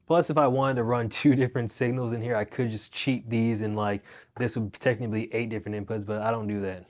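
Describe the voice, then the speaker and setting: Talking quickly in a mid-range voice with fairly even intonation, a young man runs casually through his home music gear. He's a guitar teacher and channel host, laid-back, slangy and rambling, using a wireless clip-on mic into his phone.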